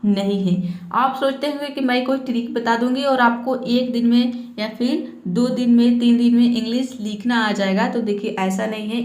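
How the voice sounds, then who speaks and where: A woman teaching English as a patient spoken lesson, often checking in with her listeners and spelling words out slowly. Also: a little high, echoey room. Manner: patient, repeats "theek hai" to check in.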